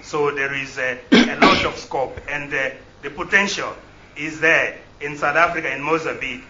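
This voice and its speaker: A man speaking as a live interpreter, his voice very bright and sharp. He translates as he goes, with hesitant pauses and repeated phrases. The sound is echoey and dull, with faint room noise behind. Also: fairly high pitch. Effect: live interpreter voice over the original speech. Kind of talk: live spoken interpretation at a press event.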